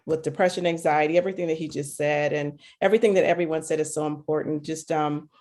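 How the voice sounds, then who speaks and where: A woman from Michigan who works as a clinical social worker, speaking sincerely at an online group meeting with frequent pauses. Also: low voice, steady tone, a little mellow. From Michigan, USA.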